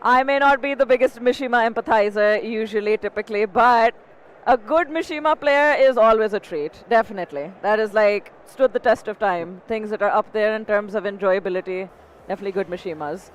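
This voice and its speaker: A woman co-commentating a live fighting-game tournament in a bubbly, playful way. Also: medium pitch. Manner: bubbly, playful, quick to laugh. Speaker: esports co-commentator.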